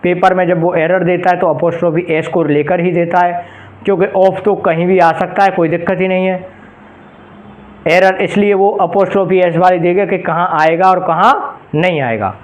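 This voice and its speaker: A male English grammar teacher giving an exam-prep lesson. He explains each rule patiently and reads out example phrases slowly, stopping to ask his students rhetorical questions. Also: high-pitched, steady tone, dull audio. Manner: addresses students directly and checks understanding with rhetorical questions.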